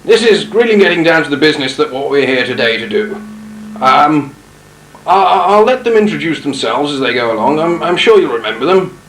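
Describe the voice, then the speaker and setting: A man's voice: a little high, animated, brisk, fairly bright tone, roomy sound, a little hiss or hum, rough recording. A man giving a wry, joking spoken introduction to a home video.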